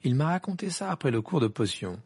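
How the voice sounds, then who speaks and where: A reader doing Ron, a gravelly teasing teen boy. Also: medium pitch, brisk, exaggerated voice. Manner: bursts into laughter, stammers when excited. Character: teenage boy wizard, sulky and teasing. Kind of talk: amateur audiobook voicing.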